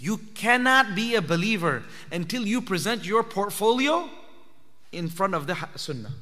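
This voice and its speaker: A man's voice: high voice, pushed and bright. A man giving an earnest sermon at a spiritual retreat, asking his listeners direct questions. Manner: earnest, asks the audience questions. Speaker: Islamic teacher giving a talk at i'tikaf. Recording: long hall reverb.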